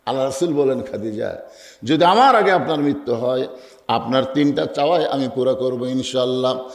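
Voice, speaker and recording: A male preacher with a Bangladeshi Bengali accent delivering an emotional sermon, telling a story and swinging between loud cries and hushed quoted lines. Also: medium pitch, moderate pace, echoey room.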